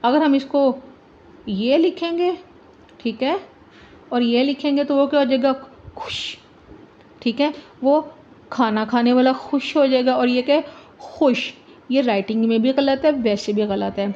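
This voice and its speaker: A woman teaching an alphabet lesson, speaking slowly, repeating letters and words and checking in often. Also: sits high, a little mellow. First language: Urdu. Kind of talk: slow, deliberate alphabet lesson for teachers and children. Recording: dull lo-fi recording.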